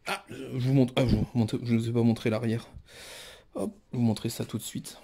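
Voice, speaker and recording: A man's voice: mid-range voice, fairly even intonation, fairly quick, dark tone, husky. A man casually presenting a tarot deck card by card, musing aloud with many fillers and restarts. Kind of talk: casual show-and-tell presentation.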